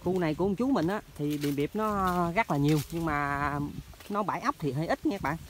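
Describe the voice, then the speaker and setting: A man's voice: on the high side, brisk, fairly bright tone, slight background noise. A man with a Mekong Delta Vietnamese accent, chatting casually to viewers in an outdoor vlog while walking through rural orchards and canal banks. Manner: chatty, keeps addressing viewers as friends. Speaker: hunting vlogger.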